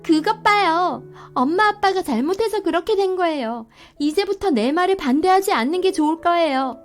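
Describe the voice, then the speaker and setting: A cheeky young child who has suddenly taken charge, as a woman narrator puts the child on. The voice is pitched high and clear, cool and bossy. Soft music plays faintly behind. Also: animated, normal speed. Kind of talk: storybook voice acting.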